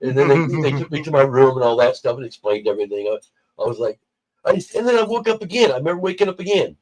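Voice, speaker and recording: A man's voice: medium pitch, animated, quick pace, darkish tone, poor audio. A man telling a personal story in casual chat on a livestream, acting out the people he quotes. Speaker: livestream guest.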